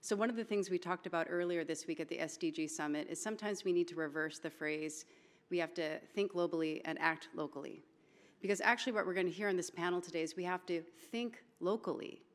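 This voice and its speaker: Low-ish voice, lady hosting a panel, casual and chatty, big echoey conference hall. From Hawaii. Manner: informal, mixes in Hawaiian words. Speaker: panel moderator. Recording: long reverb of a large hall.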